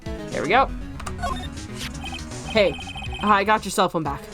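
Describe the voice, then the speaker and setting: A woman's voice: mid-range voice, slow pace. A woman hosting a game playthrough, reading dialogue and narration aloud and adding casual comments. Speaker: let's play host. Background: game music.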